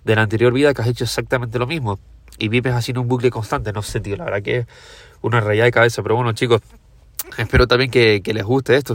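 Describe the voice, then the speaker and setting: Young guy rambling on his podcast, talks super fast, swears a lot, dry close sound. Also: medium pitch, no room sound. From Tenerife, Canary Islands, Spain. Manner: rapid and informal, swears freely, keeps calling listeners "guys". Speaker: podcast host. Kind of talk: casual monologue to listeners.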